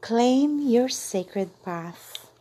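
Very slow, whispery woman meditation guide. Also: a little high, expressive, mellow. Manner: slow, soothing, drawn-out delivery with breathy whispered endings.

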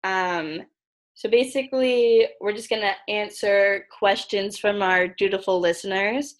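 A young woman hosting a casual podcast, chatty and giggly, with a gravelly vocal fry. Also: medium pitch, fairly even intonation, a little slow. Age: young adult. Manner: giggly, chatty with many fillers. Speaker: podcast host.

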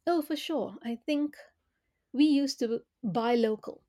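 A woman from Malaysia, a former corporate director, answering interview questions in a thoughtful, measured way with frequent fillers. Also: sits high, warm tone.

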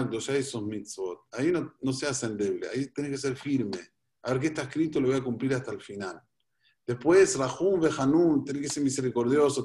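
A man's voice: mid-range voice, darkish tone. Man teaching prayer, repeating phrases. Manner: explanatory, repeats key phrases. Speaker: rabbi. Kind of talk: religious teaching in a talk.

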